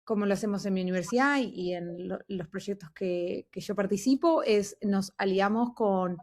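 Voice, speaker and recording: A woman's voice: mid-range voice, moderate pace, a little mellow. A woman from Argentina speaks as a panel guest, a doctoral researcher describing her work. She explains earnestly and steadily, dropping in fillers now and then. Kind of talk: panel talk.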